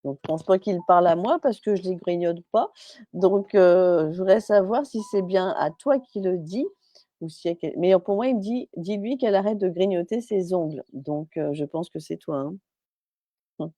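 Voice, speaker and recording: A woman's voice: on the low side, moderate pace, warm tone, dry recording. A woman medium on a live stream, chatty and hesitant, with many fillers and restarts, relaying messages as quoted speech.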